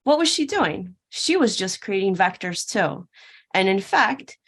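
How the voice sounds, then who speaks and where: This woman's mid-range voice is very animated, unhurried, a bit bright, and husky as she gives a prepared keynote at a tech conference. Framed as a fairytale parable, her talk is playful storytelling that poses questions and answers them.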